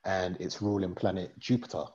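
Host: guy, very low voice, laid-back and jokey, on a dull lo-fi video call. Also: fairly even intonation, brisk, a little mellow. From East London. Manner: joking, laid-back, rambling. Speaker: podcast host. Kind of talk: casual chat about astrology.

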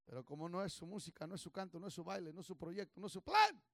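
Gravelly high-voiced man preaching fervently. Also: fairly even intonation, very fast, no echo, clean studio sound. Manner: fervent preaching, swinging from low murmurs to shouts; call-and-response, urging the congregation to repeat. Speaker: pastor. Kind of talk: sermon. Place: church service.

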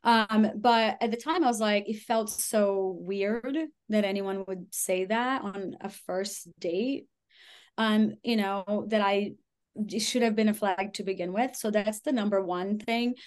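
A woman's voice: medium pitch, fairly even intonation, a little slow. A woman guest on a podcast, talking casually and filling her speech with "like" and "you know", acting out what others said. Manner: chatty, lots of "like" and "you know", acts out quotes. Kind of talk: casual conversational storytelling.

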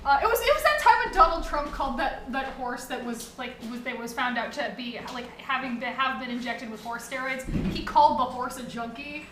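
Rambling high-voiced woman, echoey room. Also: expressive, brisk, few pauses, a bit bright. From New England. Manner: rambling, swearing, laughing often. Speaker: podcast co-host. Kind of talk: casual chat. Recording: echoey room, background noise.

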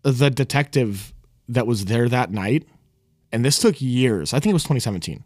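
A man's voice: mid-range voice, animated, normal speed, a little mellow, dry recording, clean studio sound. A young man co-hosting a podcast, telling a story casually with laughs and loose asides. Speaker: podcast host. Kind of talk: casual chat.

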